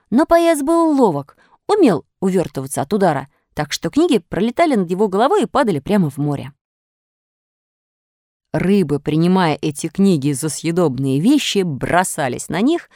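A woman narrating a children's storybook with animated, expressive delivery. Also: on the low side, dry recording, studio quality.

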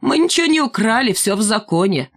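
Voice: mid-range voice, sing-song, fairly quick, fairly bright tone, pitched above the performer's own voice. Reader doing a cheeky, mocking schoolboy bully. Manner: impudent, mocking. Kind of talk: audiobook character voice.

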